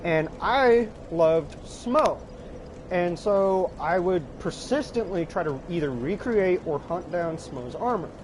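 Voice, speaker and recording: Man, high-pitched, slow unhurried delivery, animated casual storytelling, noisy recording with traffic behind. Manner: animated, laughing, swears freely. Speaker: gaming storyteller. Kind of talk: casual spoken anecdote.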